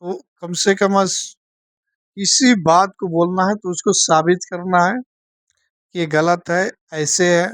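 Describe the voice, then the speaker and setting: A woman teaching a Bible study, speaking slowly and checking in with her listeners after almost every point. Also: on the low side, fairly even intonation, no room sound, clean studio sound. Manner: slow, keeps asking "theek hai na?".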